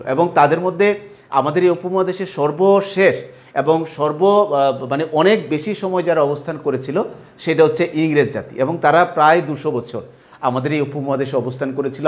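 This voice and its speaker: A man from Bangladesh, teaching an online pronunciation lesson and checking that students follow. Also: on the high side.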